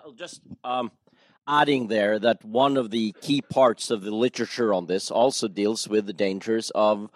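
A man's voice: mid-range voice, no room sound. Man moderating a public seminar. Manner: brisk, polite, calls on audience questions.

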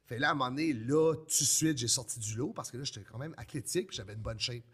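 A man's voice: medium pitch, fast talker, breathy edge. A man with an Acadian French accent, a pro wrestler telling stories in casual chat and acting out what people said to him. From New Brunswick, Canada. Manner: animated storyteller, acts out quotes.

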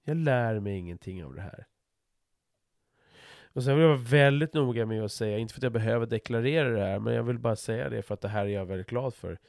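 A man's voice: mid-range voice, gravelly, darkish tone, no echo, clean studio sound. A middle-aged man talking frankly in a casual conversation, swearing freely and restarting his sentences as he thinks aloud.

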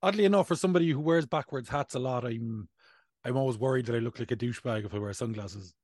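A man's voice: mid-range voice, fast talker, darkish tone, dry recording, studio quality. A man in his thirties with an Irish accent, hosting a casual comedic podcast in a playful, self-mocking way. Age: 30s. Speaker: podcast host.

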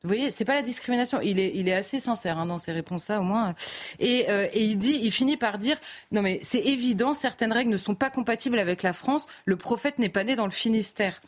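Woman on a tv news panel going over a court case, lots of uh's and restarts, middle pitch. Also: a little fast. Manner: recounts court testimony with many hesitations and restarts. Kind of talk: live TV news debate commentary.

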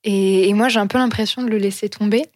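A woman telling a personal story in an earnest, halting way, often pausing to search for words. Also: mid-range voice, steady tone, darkish tone, no echo, studio quality.

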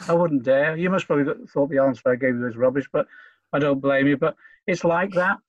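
Halting man, slightly high voice. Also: no echo, highs cut off. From Liverpool, England. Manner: halting, repeats phrases, earnest. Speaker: guest. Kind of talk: conversational interview.

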